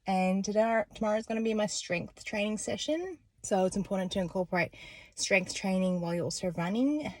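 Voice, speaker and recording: A woman's voice: medium pitch, animated, brisk, a little mellow, no room sound, poor audio. A woman, chatting casually to camera as a running vlogger, upbeat and self-encouraging. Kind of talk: casual vlog chat to camera. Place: outdoors and in a car after a run.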